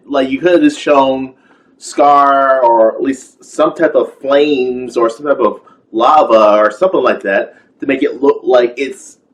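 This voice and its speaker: Slow-talking man ranting about a movie. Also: medium pitch, rough recording. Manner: rambling, filler-heavy, with exasperated rhetorical questions. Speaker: film reviewer. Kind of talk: casual rant.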